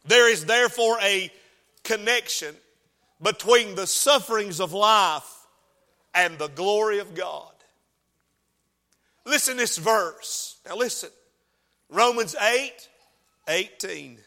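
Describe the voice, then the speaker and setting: A man's voice: sits high, takes it slowly, long pauses, bright, forceful tone. A male pastor preaching a sermon in a church sanctuary, calling out to the congregation and building to outbursts. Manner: preaching with call-and-response and rising outbursts. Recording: long hall reverb.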